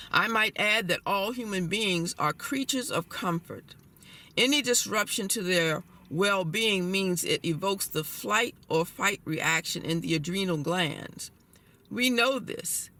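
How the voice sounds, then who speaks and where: A man reading a scripted personal commentary aloud in a deliberate, formal manner. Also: sits high, gravelly, pushed and bright. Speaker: commentator giving a personal perspective. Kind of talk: scripted spoken essay, read aloud.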